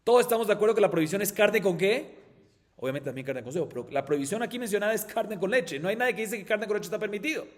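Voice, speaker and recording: Colombian rabbi guy teaching talmud, high-ish voice, asks himself questions, hall reverb. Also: lively intonation, racing. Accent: Colombian Spanish. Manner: explains step by step, asks and answers his own questions. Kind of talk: Talmud class.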